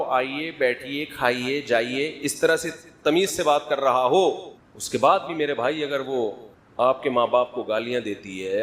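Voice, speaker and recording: A middle-aged religious scholar gives a conversational sermon, joking and prodding listeners for answers. His voice is medium in pitch with a fairly bright tone, and his humor keeps things relaxed.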